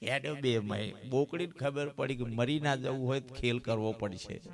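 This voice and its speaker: A man's voice: mid-range voice, moderate pace, creaky, over music. A man with a Gujarati accent preaching a folk sermon at a village religious gathering, telling stories and firing rhetorical questions at the crowd. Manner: animated, addresses crowd as "saheb" and "bap", asks rhetorical questions. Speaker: bhajan satsang preacher.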